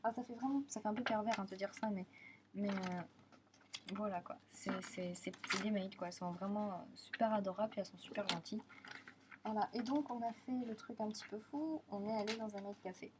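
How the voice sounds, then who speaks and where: A woman's voice: mid-range voice, fairly even intonation, fairly quick, noisy background. A young woman from France chatting casually in a travel vlog, gushing and repeating herself, often trailing off mid-sentence. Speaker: vlogger.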